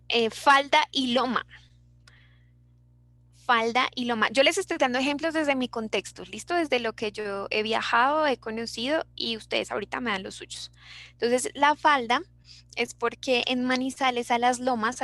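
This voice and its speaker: A young Colombian woman with a Bogotá accent teaches an online class chattily, reading her students' answers aloud. Her voice is on the high side and a bit bright, with no echo.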